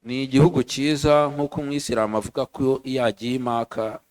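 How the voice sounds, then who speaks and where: A man from Rwanda giving an earnest church testimony, speaking in short phrases and pausing so an interpreter can follow. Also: medium pitch, little pitch movement, darkish tone. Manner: earnest, pauses for interpreter after each phrase.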